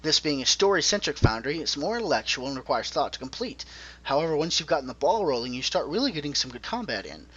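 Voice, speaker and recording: Over a conference call line, a man hosts a casual gaming podcast, chatting and explaining at length in dull lo-fi call audio. His slightly high voice is fast, fairly bright and a bit rough, with big pitch swings.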